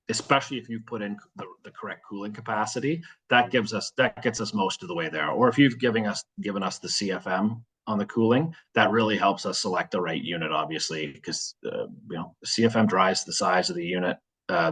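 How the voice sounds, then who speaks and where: A man's voice: deep voice, a bit bright, breathy edge, rough recording. A man explaining product selections in a webinar walkthrough, practical and full of fillers.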